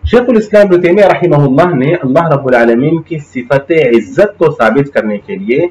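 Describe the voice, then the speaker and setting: A man's voice: on the high side, animated, moderate pace, a little mellow, slight background noise, poor audio. A male Islamic studies teacher giving a classroom lecture, explaining Arabic terms, checking in with his students and reciting Quranic verses.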